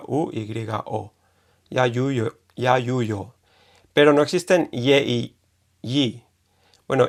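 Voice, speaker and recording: A young man from Spain with a Spanish accent from Spain, hosting a casual video lesson and thinking aloud with many fillers and restarts. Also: medium pitch. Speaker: language video host.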